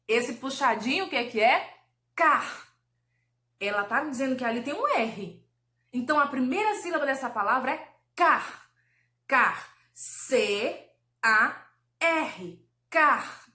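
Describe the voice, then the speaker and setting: A woman teacher giving a recorded lesson for children, patiently explaining and drawing out syllables slowly. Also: high-pitched, lively intonation, pushed and bright, echoey room. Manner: slow, drawn-out syllable pronunciation, patient and explanatory.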